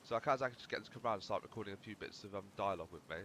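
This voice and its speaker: A man's voice: lowish voice, racing, sharp tone, slight background noise. A young man rambling casually through gameplay commentary, swearing freely as he chats. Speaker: gaming channel host.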